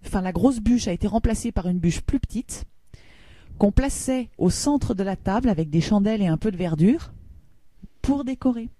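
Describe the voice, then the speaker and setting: A woman with a very dark, mellow voice tells a little history story on a talk show, pausing to correct herself now and then. Her voice sounds close and dry. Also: mid-range voice, animated, no room sound. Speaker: co-host presenting a history segment. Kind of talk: chatty storytelling.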